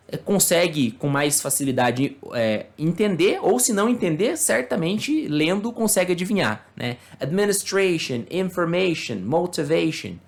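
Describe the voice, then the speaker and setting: A Brazilian man, a native Portuguese speaker, giving a casual online English lesson, explaining slowly and checking in with tag questions and fillers. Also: on the high side, creaky. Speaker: English teacher.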